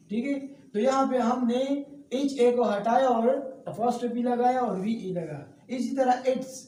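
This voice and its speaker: A male teacher with a fairly high, mellow voice walks through a grammar lesson one step at a time, regularly checking in with his listeners. He sits back from the microphone in an echoey room, with a faint hiss underneath. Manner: explains step by step, often checking in with "okay". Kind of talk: classroom-style grammar lesson. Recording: echoey room, distant mic, faint noise.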